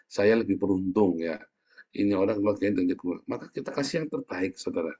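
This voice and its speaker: Lively preacher, lower voice. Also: male voice, fast, breathy edge, highs cut off. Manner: lively storytelling, laughs, swings from hushed to loud. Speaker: pastor. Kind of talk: sermon.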